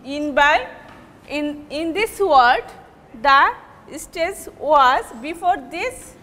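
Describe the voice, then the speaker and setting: A woman with a Bangladeshi English accent teaching word stress in a measured way, repeating the example words slowly. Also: high-pitched, expressive, pushed and bright. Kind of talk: classroom lecture on word stress. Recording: reverberant room with faint ambient noise.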